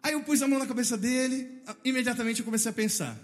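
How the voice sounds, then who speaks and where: Brazilian guy in his 30s telling a comic story, lots of acted voices and sound effects, highish voice, long hall echo. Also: fast talker, faint music behind. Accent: Brazilian Portuguese.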